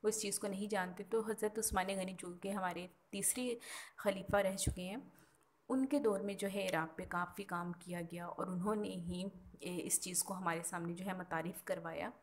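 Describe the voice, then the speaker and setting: A woman's voice: medium pitch, steady tone, normal speed, slight background noise. Woman teacher spelling words out patiently. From Pakistan. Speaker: Urdu teacher. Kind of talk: recorded classroom lesson.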